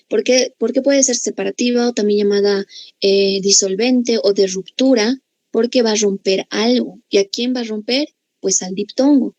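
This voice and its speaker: A woman's voice: on the high side, darkish tone, no room sound, rough recording. A woman with a Bolivian accent teaching a grammar class, explaining patiently and often checking in with her students. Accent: Bolivian Spanish. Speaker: language teacher.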